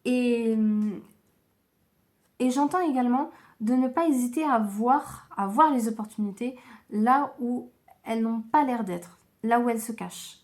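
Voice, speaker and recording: Speaking softly and unhurriedly, a weary female tarot reader lays out cards for her audience. Her energy is low, and her words come with many pauses and hesitations.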